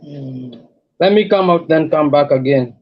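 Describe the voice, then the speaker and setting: A man's voice: fairly high pitch, measured pace. A man calling into a live online discussion, speaking politely but challenging the hosts, his voice doubled by an echo from a second logged-in device. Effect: doubled echo from being logged in on two devices. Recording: lo-fi, distant online call.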